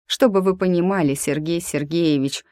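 A despondent young female student answers in a tired, listless voice , as a woman reads her. The low voice sits close to the mic in a dry space. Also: normal speed, darkish tone, no echo, close to an everyday voice.

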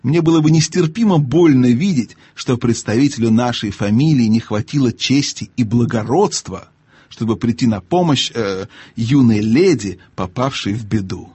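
A man voicing a pompous, cowardly old male sorcerer-scientist in a storybook reading, lecturing and haughty, with a husky voice. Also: medium pitch, animated, normal speed, dark tone, no echo. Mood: solemn. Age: older.

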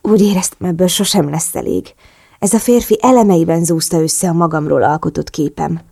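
A woman reading a romance novel aloud in the first person, slow, intimate and sensual. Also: fairly low pitch, vocal fry, dark tone, husky, no room sound, studio quality. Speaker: audiobook narrator.

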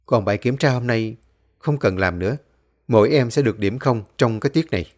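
A man's voice: medium pitch, a little fast, darkish tone, lightly acted. A man voicing a stern female schoolteacher who scolds late students.

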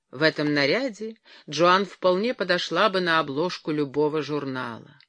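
Expressive audiobook narrator, dry close sound. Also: medium pitch, no room sound. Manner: expressive, lively storytelling.

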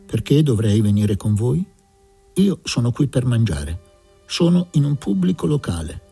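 A man reading aloud, voicing a calm, defiant young teacher who speaks coldly. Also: medium pitch, a little slow, gravelly, breathy edge, soft background music, exaggerated voice. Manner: cold, steady.

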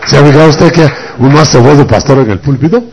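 A man preaching a sermon, dramatic, acting out voices and swinging from loud to whispered, in what sounds like a church. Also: a little high, fast talker, vocal fry. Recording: dull lo-fi recording.

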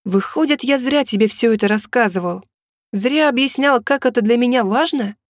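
A woman's voice: fairly high pitch, no echo, clean studio sound, lightly acted. A woman voicing a pushy young man who keeps pressing for money and takes offence easily, in an audiobook. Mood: resentful. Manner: insistent, quick to take offence. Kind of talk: audiobook reading.

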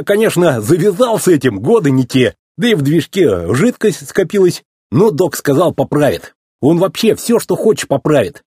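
A man's voice: a little high, dark tone, slightly rough, no room sound, studio quality, pitched above the performer's own voice. A man voicing a cheerful, boastful old male tow truck who rambles in a folksy way.

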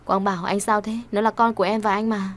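A gentle young wife pleads softly in this audiobook drama, voiced by the woman narrating. Her mid-pitched voice stays tender and devoted. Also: little pitch movement, quick pace, close to an everyday voice. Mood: pleading.

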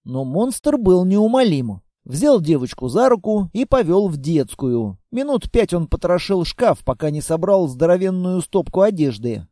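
Lively high-voiced male narrator. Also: measured pace, hardly any pauses, dry recording, clean studio sound. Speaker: audiobook narrator. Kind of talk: scripted narration of a fantasy tale.

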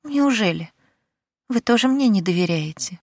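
A woman voicing a cheeky, sharp-tongued young maidservant in an audiobook, with a mocking, teasing manner. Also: mid-range voice, animated, moderate pace, no room sound, studio quality, voice pushed up.

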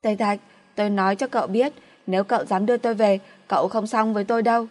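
A woman's voice: medium pitch, fairly even intonation, quick pace, a little mellow, natural voice. A woman voicing a drunk, spoiled young woman who sulks and pleads in a slurred, petulant way. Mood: drunk, defiant.

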